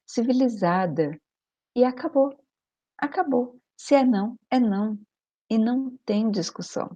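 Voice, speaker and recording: A woman's voice: medium pitch, darkish tone. A middle-aged woman coaching parents, speaking emphatically, repeating her key points and checking that the listener follows. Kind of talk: advice video monologue. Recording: dull lo-fi recording.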